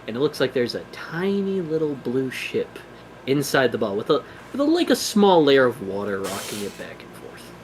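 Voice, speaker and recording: A man's voice: medium pitch, very animated, normal speed, low-quality recording. A man narrating a tabletop role-playing game as game master.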